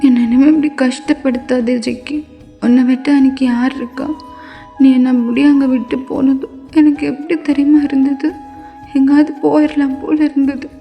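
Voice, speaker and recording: A woman's voice: sits high, level tone, normal speed, mellow, long reverb tail, soft background music. Hurt, tearful young wife, as a woman voices her. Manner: wounded and firm.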